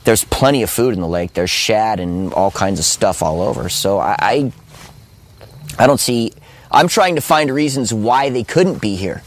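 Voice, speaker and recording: A man's voice: on the low side, expressive, normal speed. An American man talking informally in a documentary interview. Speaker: expedition diver. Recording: music behind outdoor interview.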